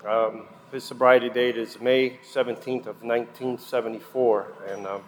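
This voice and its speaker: Middle-aged man sharing a candid testimony at a meeting, mid-pitched, long hall reverb, faint hiss. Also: flat delivery, normal speed. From Puerto Rico, raised in New Jersey. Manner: candid, conversational, with frequent fillers. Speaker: guest speaker at a recovery meeting. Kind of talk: personal recovery testimony.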